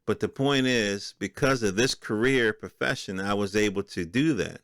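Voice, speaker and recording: Recorded with studio quality and no echo, this solo podcast host is a middle-aged American man with a lowish, slightly bright voice at a moderate pace. He keeps things conversational, tossing out casual asides and rhetorical questions to check in with his audience.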